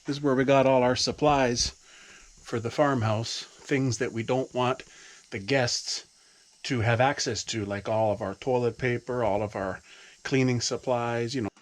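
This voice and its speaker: A man's voice: mid-range voice, fairly even intonation, a little slow. A man filming a casual farm vlog outdoors in the rain, exasperated and laughing at himself, getting winded as he hops around. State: out of breath. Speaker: farm vlogger.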